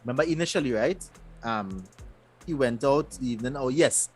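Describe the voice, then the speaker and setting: A man, co-hosting a casual show recap and retelling scenes in an animated way. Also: medium pitch, normal speed, slightly rough, soft background music. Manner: animated, loose storytelling with repeated restarts. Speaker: podcast co-host.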